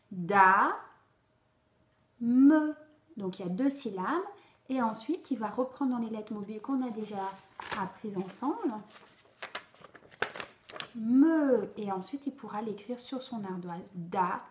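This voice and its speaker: A woman explains a reading method to parents in a patient, instructive tone. Her voice sits somewhat high, and the recording carries a roomy echo. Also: a little mellow. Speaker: reading teacher.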